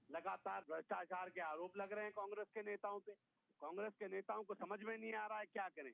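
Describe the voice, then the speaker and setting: A man's voice: high voice, gravelly, dull audio. A man speaking as a party spokesman in a heated TV debate, mocking and taunting his rivals with folk sayings.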